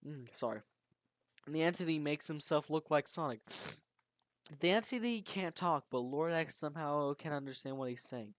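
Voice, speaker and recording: An amateur storyteller recounts a fan-made horror tale with dramatic, animated delivery and keeps restarting sentences. The voice sits at a middling pitch and sounds dry and close, with no room around it. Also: moderate pace, no room sound.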